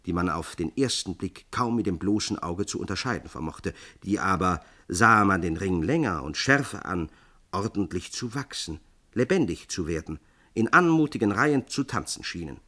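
Guy reading an old fairy tale, really low voice, calm measured storytelling. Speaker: audiobook narrator. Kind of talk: scripted narration.

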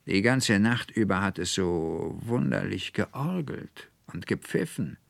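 A man narrating a classic literary story in a measured, even reading style. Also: fairly low pitch, vocal fry, dry recording. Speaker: audiobook narrator.

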